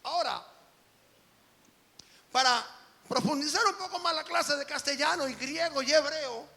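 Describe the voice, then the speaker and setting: A man preaching an emphatic sermon as an apostle, dropping to quiet lines and rising to shouts. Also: very high voice, unhurried, gravelly, big-room sound.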